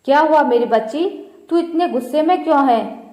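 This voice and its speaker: A woman's voice: moderate pace, darkish tone, close to an everyday voice. A woman reading the part of a harsh, scolding middle-aged mother-in-law in a storybook tale. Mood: worried, accusing. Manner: scolding, shrill. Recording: roomy echo.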